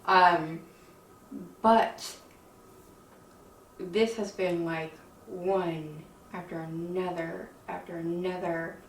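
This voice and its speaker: A woman chatting casually to her viewers in a weary, folksy, rambling way, her speech softened by missing teeth, lips over gums. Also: lowish voice, steady tone, very slow, pauses often. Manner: chatty, weary, folksy slang, frequent laughs. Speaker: video creator with own channel. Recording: roomy, distant mic, faint noise.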